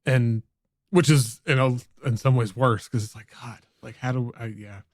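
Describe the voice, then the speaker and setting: A man's voice: mid-range voice, fairly even intonation, moderate pace, no echo, clean studio sound. A man in his forties hosting a podcast, chatting casually in a hesitant, agreeable way that trails off. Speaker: podcast host. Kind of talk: casual conversation.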